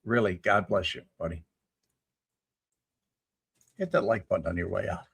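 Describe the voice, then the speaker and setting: A man's voice: low voice, normal speed, vocal fry, a bit bright, husky. A man in his seventies hosting a casual live chat, reading viewer comments aloud and answering them in a rambling, folksy way. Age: 70s. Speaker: livestream host answering chat.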